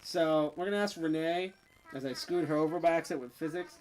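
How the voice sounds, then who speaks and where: Brisk and mid-range in pitch, the streamer's voice comes through poor audio. A little tipsy, they chat casually as they play, rambling, cracking jokes, and trailing off before picking up again.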